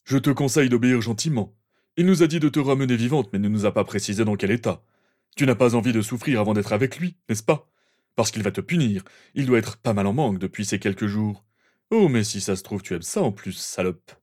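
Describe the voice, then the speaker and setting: A man voicing a brutish young male dark wizard in a fan fiction audiobook, sneering and threatening. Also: lowish voice, fairly quick, lightly acted. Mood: menacing, sneering.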